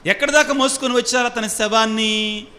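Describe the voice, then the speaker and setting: High bright-voiced priest in reverberant hall. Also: male voice, fairly even intonation, brisk. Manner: quizzes the congregation with repeated questions; mixes in English phrases. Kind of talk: sermon with call-and-response. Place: church hall with congregation.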